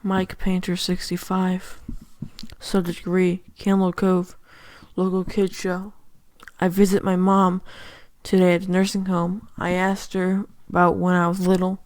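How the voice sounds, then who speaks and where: A woman reading a horror story aloud, sometimes dropping into a hush on the eerie lines. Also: lowish voice, completely flat delivery, unhurried, no room sound, low-quality recording. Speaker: reader. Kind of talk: scripted horror narration.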